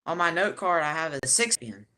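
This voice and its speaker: A man's voice comes through a remote call that keeps breaking up, his words chopped into short fragments. The line sounds distant and a little echoey, yet his voice stays bright and forward. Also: fairly high pitch, sing-song, moderate pace. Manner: clipped, fragmentary phrases. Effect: call audio breaking up and cutting out. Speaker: co-host on a call. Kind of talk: casual sports debate.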